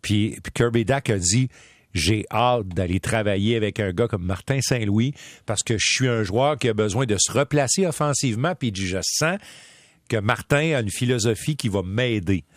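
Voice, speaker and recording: A sports reporter with a Quebec French accent chats about hockey prospects on radio sports talk, telling stories casually with many fillers and restarts. His voice is lowish and moves at normal speed, recorded cleanly in a studio with no echo.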